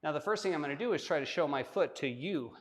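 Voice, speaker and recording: A man guiding a yoga flow, giving step-by-step cues with relaxed, joking asides while he demonstrates. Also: fairly high pitch, fast. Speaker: yoga instructor. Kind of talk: guided yoga class instruction. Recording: long hall-like reverb.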